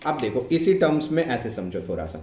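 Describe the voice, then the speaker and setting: A man's voice: mid-range voice, sing-song, a little mellow. Man teaching physics in an echoey room. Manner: slow, repetitive, keeps asking if it is clear; dictates English phrases word by word while writing. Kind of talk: online exam-prep lecture.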